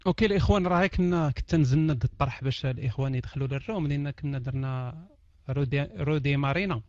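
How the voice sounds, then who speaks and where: A Moroccan man with a Moroccan Arabic accent hosts a casual online chat in a quick, lively, joking manner. His voice sits high for a man. The sound is dry and a little dull, as if from a basic computer mic. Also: no room sound. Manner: animated, joking, laughs often. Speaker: online talk host. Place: at home behind a PC.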